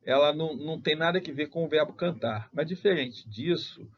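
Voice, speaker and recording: A man's voice: fairly high pitch, fairly quick. A Brazilian man teaching a grammar lesson as he corrects exercises, emphatic, and often mimicking students' objections before he rebuts them. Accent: Brazilian Portuguese. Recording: dull lo-fi lecture recording.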